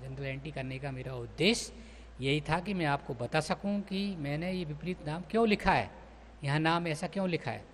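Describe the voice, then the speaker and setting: A man's voice: on the high side, slight background noise. A man teaching an accountancy class, explaining step by step and addressing his students as children. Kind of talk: classroom lecture.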